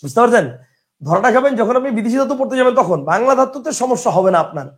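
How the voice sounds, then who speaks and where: Young male teacher, high voice, drills lists by rote and quizzes the room. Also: animated, quick pace. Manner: drills by chanting lists, asks and answers own questions. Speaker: grammar teacher. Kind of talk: classroom lecture.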